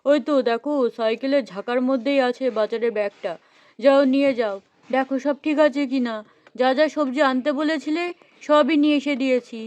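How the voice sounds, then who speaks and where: An easygoing middle-aged village husband from a doll story, played by a woman. His voice sits fairly high, yet he brushes off every worry calmly. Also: brisk, lightly acted. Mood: placid. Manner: calm, dismissive, reassuring.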